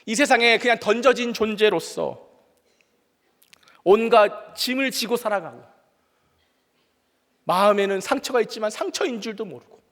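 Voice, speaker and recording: A man preaching a sermon as a pastor, telling stories earnestly, sometimes exclaiming loudly and sometimes quietly confessing. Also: sits high. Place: church sanctuary. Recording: long reverb of a church hall.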